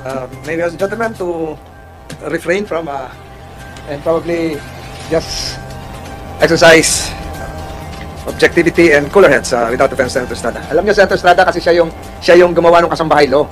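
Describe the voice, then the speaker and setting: A man chairing a Senate hearing, measured and calming, pausing with fillers. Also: a little high, faint music behind, low-quality recording.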